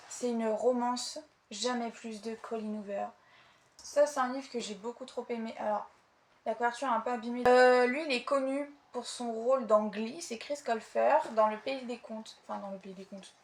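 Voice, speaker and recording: Chatty young woman showing her books. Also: on the high side. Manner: chatty, enthusiastic, with frequent hesitations. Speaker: book vlogger. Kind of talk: casual chat.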